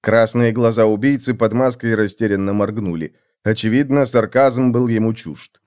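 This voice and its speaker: A man reading fantasy fiction aloud as an audiobook narrator, in measured storytelling. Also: fairly low pitch, darkish tone, smooth.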